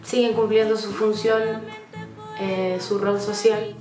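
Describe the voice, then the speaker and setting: A woman's voice: mid-range voice, flat delivery. Chilean woman in her twenties, roomy. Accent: Chilean Spanish. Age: 20s. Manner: soft-spoken, reflective, with frequent "eh" pauses. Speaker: folk singer. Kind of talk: documentary interview. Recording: roomy sound from some distance, faint music under it.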